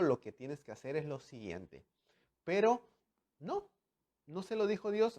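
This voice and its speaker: Male pastor, lively sermon delivery, voice a bit high, moves between loud and quiet. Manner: animated preaching, acting out dialogue, swings from loud to hushed.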